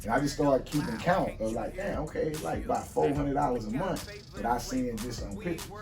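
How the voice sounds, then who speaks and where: A man in his forties, speaking casually and telling his life story in a relaxed, street-wise way as the guest of an interview. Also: mid-range voice, brisk, creaky, far from the mic, over music. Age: 40s. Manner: relaxed street-wise storytelling, frequent "you see what I'm saying". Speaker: guest entrepreneur.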